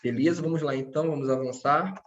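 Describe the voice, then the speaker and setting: A man's voice: fairly high pitch, fast, muffled recording, a little hiss or hum. A man teaching a grammar lesson, patient and checking in with his students often. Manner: speaks to his students directly.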